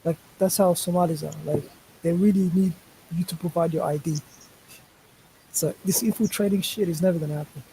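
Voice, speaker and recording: A man with a fairly high but soft, mellow voice joins a casual stream panel as a guest. He trips over his first words and repeats himself, then states his point with conviction, with a faint hiss under the call. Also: steady tone, fairly quick, poor audio. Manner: hesitant starts, repeats words, then speaks firmly. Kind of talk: casual online panel discussion. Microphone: voice call over a live stream.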